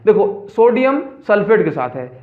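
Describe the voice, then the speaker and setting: A man's voice: sits high, sing-song, normal speed. A man teaching a school science lesson, chatty and coaxing students with repeated questions. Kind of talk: classroom lesson. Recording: echoey room, dull lo-fi sound.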